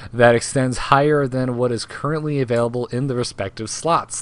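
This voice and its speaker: A man hosting a casual gaming news podcast, joking and laughing often while he reads patch notes aloud. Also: mid-range voice. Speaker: host.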